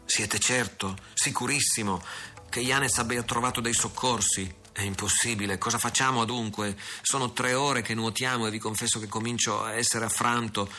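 A man's voice: medium pitch, fairly even intonation, moderate pace, bright, forceful tone, faint music behind, voice pushed up, natural voice. A man reading the part of a loyal adult sailor in an audiobook story, earnest and deferential toward his captain. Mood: weary.

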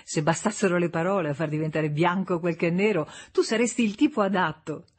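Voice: medium pitch, fairly quick, husky, natural voice. A reader voicing a bitter, scornful young wife in an audiobook, speaking in a cold, mocking, cutting way. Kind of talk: audiobook character reading.

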